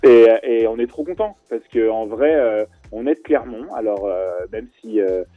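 A man's voice: on the low side, normal speed, no room sound, narrow, tinny audio, soft background music. A man, guest on a radio talk show, chatting casually about an event he organizes, with many fillers and restarts. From France.

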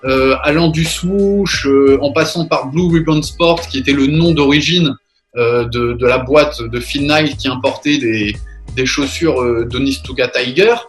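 A man hosting a radio chat show over a video call, talking casually with many pauses and restarts. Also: mid-range voice, soft background music. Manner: hesitant, many fillers and restarts.

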